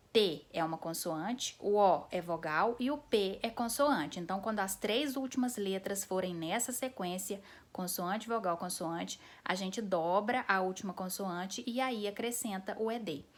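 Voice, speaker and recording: A woman teaching an English grammar lesson in a patient classroom manner, walking through each rule step by step. She slows down to spell out letters and often checks in with her students. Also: mid-range voice.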